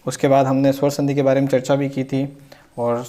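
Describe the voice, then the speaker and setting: A man teaching a grammar lesson, explaining slowly, repeating points and answering his own questions. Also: mid-range voice, flat delivery, mellow.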